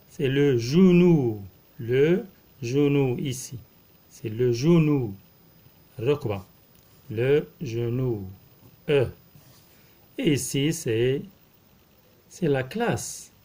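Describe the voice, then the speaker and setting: A man, a primary school teacher slowly explaining a lesson, repeating words and spelling out letters. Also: medium pitch, darkish tone. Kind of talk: slow classroom explanation.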